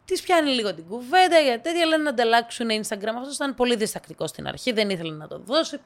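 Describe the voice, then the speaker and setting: A woman casually telling humorous anecdotes to her listeners, acting out the dialogue with sharp jumps in pitch and dropping into low, quiet asides. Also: expressive. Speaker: storyteller.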